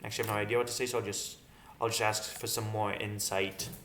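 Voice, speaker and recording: A man's voice: on the low side, little pitch movement, fast talker, a bit bright, a little hiss or hum. A man hosting a casual video, thinking aloud and joking as he chats with an AI. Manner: thinks aloud, jokey, narrates his clicks. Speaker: video host. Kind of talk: casual chat with an AI. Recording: echoey room with typing.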